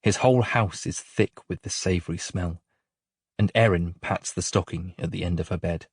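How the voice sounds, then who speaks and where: Man, low voice, audiobook narrator, measured gentle delivery, close mic, dry sound. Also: slightly rough, no echo. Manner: calm, measured, gentle storytelling with soft drops in volume. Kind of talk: scripted narration of a novel.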